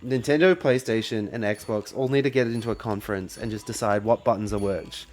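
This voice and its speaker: A man's voice: lowish voice, a little fast, a little mellow. A man co-hosting a casual gaming livestream, jokey, often stammering and repeating words. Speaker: livestream co-host.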